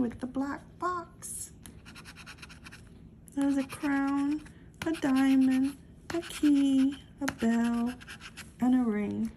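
A woman's voice: high voice, mellow, slight background noise. A woman casually calling out the numbers one by one as she scratches lottery tickets at a table. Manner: slow, calls out numbers one by one.

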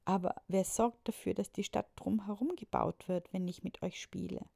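A woman's voice: mid-range voice, fairly even intonation, moderate pace, vocal fry, warm tone, no room sound, studio quality, pitched above the performer's own voice. A woman reading a children's story aloud, voicing a proud, kindly male mayor who speaks in a firm, slightly pompous way.

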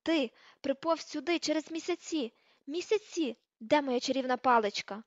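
A woman reading an audiobook, voicing a furious, sharp-tongued teenage girl witch who shrieks and scolds. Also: moderate pace, no echo, lightly acted. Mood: furious shouting. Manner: shrill, shouting, scolding. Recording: slightly dull, dry recording.

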